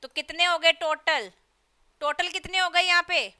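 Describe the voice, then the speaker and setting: A woman teaching an English literature class online, quizzing students and pushing them to answer quickly. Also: very high voice, sharp tone.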